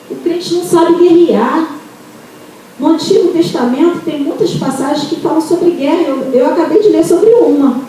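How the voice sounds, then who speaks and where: A Brazilian woman giving a testimony at a church service, telling her story with animated acted-out dialogue and calling her listeners "amados". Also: high-pitched, a little hiss or hum. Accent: Brazilian Portuguese. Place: church hall. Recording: very echoey hall, taped from far off.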